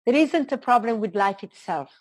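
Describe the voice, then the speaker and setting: A woman's voice: on the high side, lively intonation, moderate pace, a little mellow. A woman with an Italian accent speaks as a spiritual teacher in conversation, earnest and expansive, unfolding her reflections in short phrases. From Italy. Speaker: spiritual teacher being interviewed.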